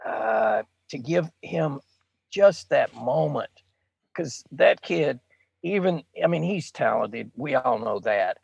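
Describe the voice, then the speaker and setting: A man with a gravelly, husky voice giving blunt takes on a sports podcast, through a dull lo-fi dry mic. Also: a little high, animated, slow pace, dry recording. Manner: blunt, plainspoken. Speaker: podcast co-host. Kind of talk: casual sports chat.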